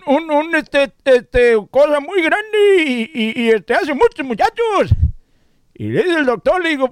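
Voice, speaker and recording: Male performer as high, lively old joker; crude, bawdy. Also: no echo, studio quality. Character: crude joking old Mexican man.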